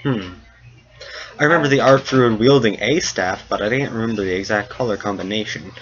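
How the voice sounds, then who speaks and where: A man's voice: a little fast, fairly bright tone. A man narrating as game master in a tabletop role-playing game, talking casually and voicing the characters. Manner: casual, laughs at his own story. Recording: dull low-fi sound with faint noise.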